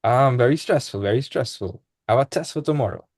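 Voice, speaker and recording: A man's voice: medium pitch, lively intonation, quick pace, a little mellow, no echo. A young man, tutoring maths in a casual online class. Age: young adult. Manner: casual, laid-back teaching with dialect speech. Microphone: video call.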